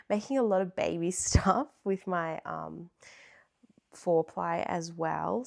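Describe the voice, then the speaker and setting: Australian woman, young, low voice, crochet vlogger, chatty, rambling. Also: gravelly, a little mellow. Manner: chatty, rambling, many ums and restarts. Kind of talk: casual show-and-tell chat.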